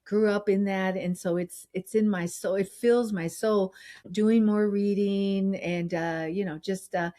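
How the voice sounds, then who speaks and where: A woman's voice: mid-range voice, fairly even intonation, unhurried, mellow. A middle-aged woman doctor co-hosting a podcast, talking in an earnest, reflective way with frequent restarts. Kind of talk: casual podcast chat.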